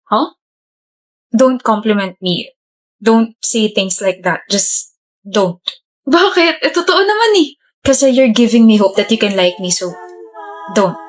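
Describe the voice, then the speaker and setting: A woman voicing a gentle, soft-spoken young college man in a comedy skit, speaking slowly and softly. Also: medium pitch, animated. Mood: pleading.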